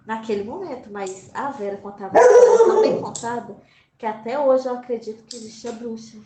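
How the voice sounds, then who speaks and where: A woman telling a true story from her own childhood in an animated, dramatic way, acting out her own past reactions. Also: fairly high pitch, a little fast, a crowd in the background. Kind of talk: animated first-person storytelling. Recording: roomy with faint background noise.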